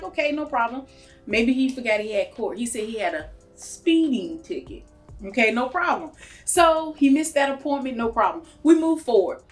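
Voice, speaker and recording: A woman mobile home investor, telling a story straight to her viewers. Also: on the high side. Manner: animated, talks straight to viewers. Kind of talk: storytelling vlog.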